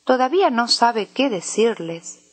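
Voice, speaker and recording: Slow, expressive woman narrator. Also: fairly high pitch, no room sound. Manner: slow, clear, expressive reading. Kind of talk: storybook reading.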